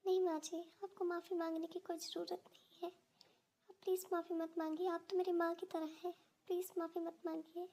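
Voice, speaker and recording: A woman voicing a meek, gentle young daughter-in-law who speaks softly and pleadingly. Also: very high-pitched, level tone, normal speed, pitched above the performer's own voice. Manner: pleading, soft-spoken. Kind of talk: home-made short drama.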